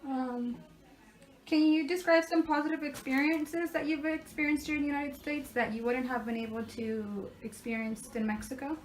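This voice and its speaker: A woman's voice: sits high, steady tone, normal speed, soft background music, rough recording. A woman interviewer asking prepared questions hesitantly, with many ums. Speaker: student interviewer.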